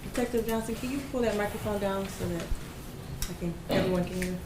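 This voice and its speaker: Woman judge, quick and businesslike, courtroom recording, distant and echoey with heavy room noise. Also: medium pitch. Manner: brisk, businesslike rulings. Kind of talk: courtroom procedure. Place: large courtroom. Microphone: distant courtroom microphone.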